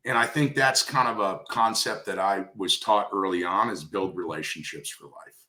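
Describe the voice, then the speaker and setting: In a roomy, echoey recording, a man with a deep voice talks conversationally in an industry interview. He speaks at normal speed in a pushed, bright way, coaching emphatically and repeating key phrases to stress them.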